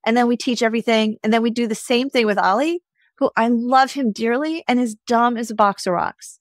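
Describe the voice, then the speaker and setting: A woman veterinarian talking as a podcast guest, animated, often tagging her sentences with "right?" and acting out what the dogs would say. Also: fairly high pitch, a little fast, dry recording, clean studio sound. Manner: animated, tags lines with "right?", acts out pets' voices. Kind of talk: casual interview chat.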